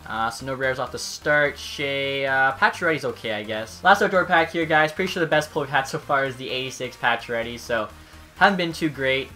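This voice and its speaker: A man's voice: medium pitch, brisk, pushed and bright, soft background music. A young man giving casual, chatty video game commentary, reacting informally as he goes. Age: young adult. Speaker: video game streamer opening card packs. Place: indoor room at home, webcam.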